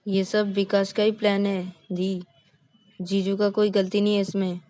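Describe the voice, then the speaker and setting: A woman voicing an earnest younger sister in a narrated story, pleading and explaining gently. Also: mid-range voice, flat delivery, unhurried, no echo, natural voice. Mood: soothing.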